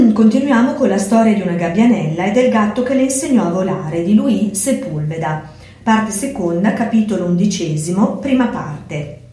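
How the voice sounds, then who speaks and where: A woman, a preschool teacher, reading a storybook aloud in a clear, measured way. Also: medium pitch, expressive, mellow. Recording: very echoey room.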